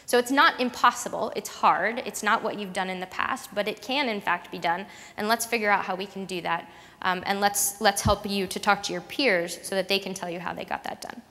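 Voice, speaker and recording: Female conference speaker, mid-pitched, conversational with frequent restarts, long hall reverb. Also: fairly bright tone. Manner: conversational, many fillers and restarts. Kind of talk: presentation talk to an audience.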